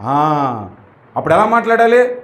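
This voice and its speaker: A man's voice: on the high side, very animated, measured pace. A male pastor preaching emphatically, acting out prayers and rebukes to show how they should sound. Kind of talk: sermon. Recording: echoey room.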